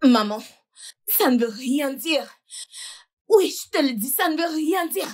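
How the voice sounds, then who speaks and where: This is a fierce grown daughter who insists on revenge and won't back down. Her voice sits a little high. It comes from a French dub of a family drama. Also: lively intonation, measured pace. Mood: defiant. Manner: defiant, insistent.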